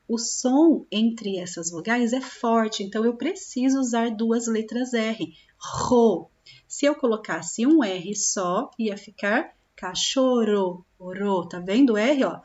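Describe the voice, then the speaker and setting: A woman teaching young children, slowly drawing out syllables and often checking in with them. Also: on the high side, expressive, darkish tone, lo-fi sound. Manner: slow, drawn-out sounding of syllables, with frequent check-in questions. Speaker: primary school teacher. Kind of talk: recorded classroom lesson for young children.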